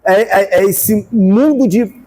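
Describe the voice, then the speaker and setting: Man, pastor, Brazilian Portuguese accent, husky, high and swinging pitch, fervent sermon. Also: slow, long reverb tail. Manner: fervent preaching, rising to shouts, acting out quoted voices.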